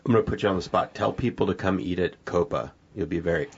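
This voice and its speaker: A man's voice: low-pitched, quick pace, husky. A man hosting a podcast, chatty and casual, prompting his guests with questions. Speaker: podcast host. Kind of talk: casual interview talk. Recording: dull lo-fi podcast audio.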